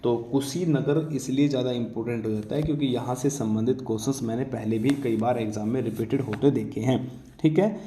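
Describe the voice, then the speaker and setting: In an echoey room with slight background noise, a man preps students for exams in a relaxed lecture, tossing in check-in tags and self-answered questions. His medium-pitched voice is mellow and fairly quick.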